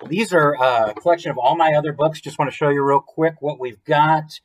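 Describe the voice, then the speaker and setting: An American man in his thirties, the author himself, reads his children's book expressively to viewers indoors at home, mixing in chatty asides and questions. He speaks a little fast at a fairly high pitch, and the audio is poor.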